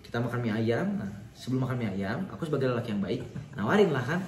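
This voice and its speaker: A young man telling a story in a casual chat, animated and acting out the dialogue. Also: medium pitch, fast, slight background noise. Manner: animated, acts out quoted dialogue. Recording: echoey room.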